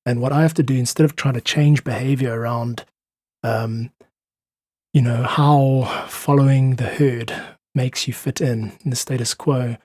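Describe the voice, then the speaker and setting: Speaking a little slowly, with fairly even intonation and a slightly mellow, medium-pitched voice, a South African man gives his views as a guest in a reflective podcast interview. He's an independent musician, earnest and thoughtful throughout. The audio is clean studio quality with no room sound.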